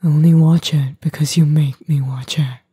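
A woman voicing an edgy young boyfriend, gruff but tender and worried, in a breathy, husky, halting ASMR role-play. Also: sits low, fairly even intonation, warm tone, no room sound. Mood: gently insistent.

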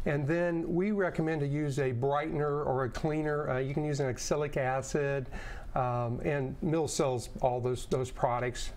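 A man's voice: a little high, steady tone, normal speed, darkish tone. A man in his fifties, a guest on a studio talk show, explaining earnestly with many fillers and restarts, on a lapel mic. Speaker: product representative guest. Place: TV studio set.

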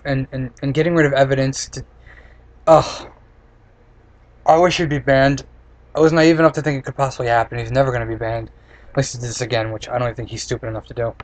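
A man in his twenties talking casually and bluntly, with sarcasm, as he reviews and rants into a webcam. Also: mid-range voice. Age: 20s. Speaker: snack reviewer. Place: small room indoors. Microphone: computer webcam at close desk distance. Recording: noisy webcam microphone with room noise.

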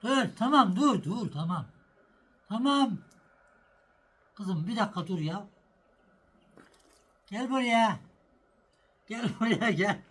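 The host's voice sits high, with a husky, fairly bright tone, and he speaks slowly and expressively, pausing often. A middle-aged man, he makes a sandwich for viewers in his casual home vlog, then calls and coaxes an animal.

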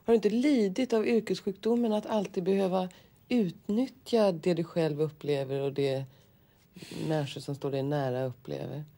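Low-voiced Swedish woman interviewer. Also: fairly even intonation, dark tone. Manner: curious, probing questions with frequent brief affirmations. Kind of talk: interview questions.

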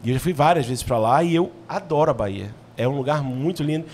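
A man's voice: medium pitch, fast, darkish tone, slight background noise. A man in his thirties from Rio de Janeiro with a Carioca accent, hosting a podcast in an upbeat, enthusiastic way. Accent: Carioca Portuguese. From Rio de Janeiro, Brazil. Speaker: podcast host. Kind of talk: hosting a podcast, reading sponsor ads. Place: indoor podcast studio. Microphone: studio mic on a boom arm.

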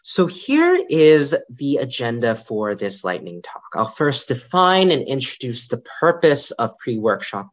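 A young man gives a prepared lightning talk from a small room over a webcam. His mid-range voice moves up and down in lively swings, with an occasional um between points. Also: mid-range voice. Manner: lively, varied intonation, occasional ums. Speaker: librarian giving a conference talk.

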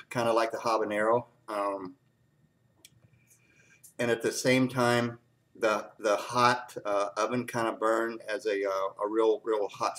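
A man doing a casual hot-pepper tasting review, teary from the heat. He talks haltingly, with lots of fillers, and keeps clearing his throat. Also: medium pitch.

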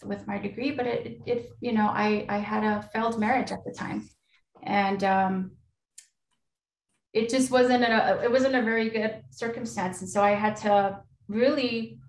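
A woman's voice: mid-range voice, recorded from a distance, a little hiss or hum. A woman in her thirties with an American accent, giving an informal personal talk to an online group as a guest speaker, a little hesitant. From Pueblo of Isleta, New Mexico, USA. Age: 30s. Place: small home room indoors, on a video call. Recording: echoey room on a video call.

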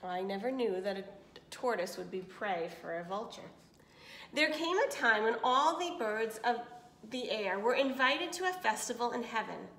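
A storyteller with a slightly high voice reads a children's picture book aloud at a moderate pace. She is expressive, pausing for little asides and questions, and the room is noticeably echoey.

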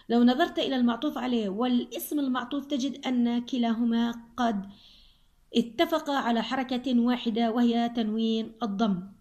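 A woman teacher with a Jordanian accent leads a grammar review lesson, speaking slowly and deliberately and repeating key words for her pupils. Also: fairly high pitch, mellow.

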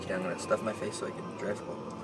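A man's voice: sits low, flat delivery, fast, background noise. A teenage man chatting casually into a phone camera from a car, giggly and self-deprecating. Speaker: vlogger. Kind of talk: casual vlog chat.

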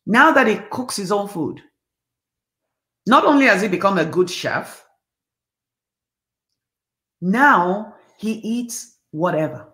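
A woman's voice: medium pitch, expressive, slow pace, long pauses, a bit bright, reverberant. A woman in her fifties hosting a talk show, speaking bluntly and emphatically in a candid motivational monologue from her living room over a webcam. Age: 50s. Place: home living room, indoors.

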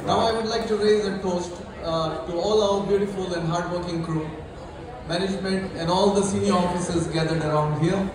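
A man's voice: high-pitched, steady tone, normal speed. A middle-aged man with an Indian accent, a hotel director giving a formal welcome speech and toast. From Goa, India. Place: large ship atrium, indoors. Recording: echoey hall from far off, crowd behind.

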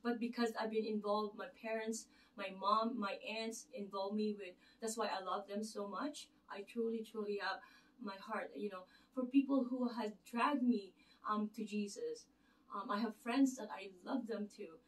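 A middle-aged woman from the Philippines, whose first language is Tagalog, speaks with a Filipino accent in a mid-range voice at normal speed. As a channel host, she gives an earnest, rambling faith talk full of fillers and restarts in her living room by a lit Christmas tree, recorded on a camera mic across the room, so it sounds distant.

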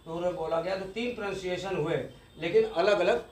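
A man's voice: high-pitched, brisk, a little mellow, roomy sound. A man giving an exam-focused law lecture, explaining step by step and repeating key terms, with English legal words mixed in.

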